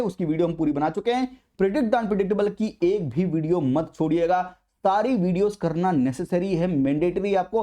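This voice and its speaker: A man's voice: sits high, dark tone. A young man giving an exam prep lecture in a mix of Hindi and English, stressing points by repeating them. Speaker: exam coaching teacher.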